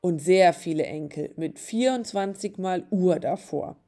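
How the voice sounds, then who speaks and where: A woman voicing a gentle young pregnant woman in a storybook reading. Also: lowish voice, a little slow, close to an everyday voice. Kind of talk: storybook narration.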